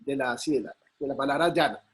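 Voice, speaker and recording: Over a video call, a male teacher patiently explains a lesson, talking fast in a mid-range voice. He checks in with his students often, using frequent tag questions, while crowd noise is audible.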